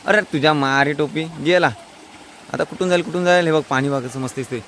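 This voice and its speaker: A man's voice: fairly high pitch, fairly quick, fairly bright tone, a little hiss or hum. Man coaxing a child outdoors. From Konkan, India. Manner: coaxing, repeats short instructions. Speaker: vlogger teaching a child. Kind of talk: casual outdoor vlog. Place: outdoors by a stream.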